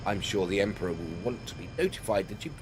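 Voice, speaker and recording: A man voicing a courteous Imperial officer from a space game, formal, measured and reassuring. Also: low-pitched, big pitch swings, noisy background.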